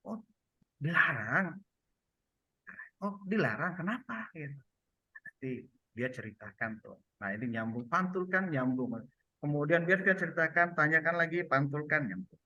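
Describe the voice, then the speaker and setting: A man's voice: mid-range voice, pushed and bright, no echo. A man giving a loose online training on communication, with many fillers and restarts. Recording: muffled lo-fi sound.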